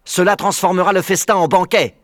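A man's voice: on the high side, animated, fairly quick, voice pushed up, natural voice. A man voicing a clever, hungry fox father who speaks slyly and with command. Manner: sly, commanding.

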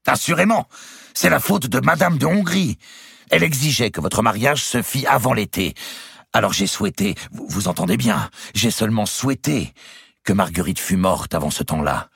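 A man voicing a hot-tempered young king who shouts indignantly and whose voice cracks high when cornered. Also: lively intonation, normal speed, gravelly, slightly rough, no room sound, clean studio sound, heavily acted. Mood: furious.

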